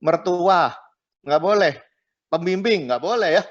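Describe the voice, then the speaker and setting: Sitting high and expressive, his voice keeps a measured pace. The middle-aged pastor chats his way through a marriage class, tagging phrases and dropping in English words, all on a dull, lo-fi recording.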